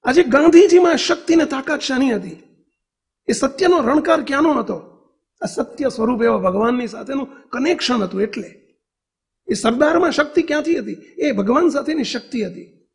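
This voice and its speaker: A man with a Gujarati accent delivers a devotional sermon in a notably high voice. He tells stories and keeps turning to his listeners with questions. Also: lively intonation, moderate pace. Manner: storytelling, asks the audience questions. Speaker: preacher.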